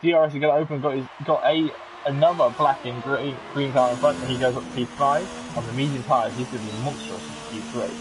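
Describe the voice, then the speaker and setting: Excitable commentator calling a sim race over loud car engine noise. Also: male voice, medium pitch, quick pace, few pauses. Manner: excitable, chatty with jokey asides. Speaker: sim racing league commentator. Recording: game engine noise under the voice. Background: racing car engine sounds from the game.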